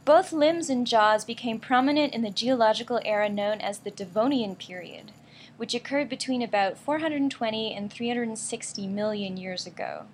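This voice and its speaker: A woman hosting a science show, reading scripted radio narration in a bright, curious presenting manner. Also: on the high side, normal speed, a little hiss or hum. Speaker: science show host and interviewer.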